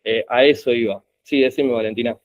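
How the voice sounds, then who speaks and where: Tipo argentino dando clase online, va chequeando con "¿sí?", sonido opaco. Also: male voice, mid-range voice, fairly even intonation, brisk, no room sound, dull audio. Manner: explanatory, checks in with frequent "¿sí?". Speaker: teacher. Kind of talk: university lecture.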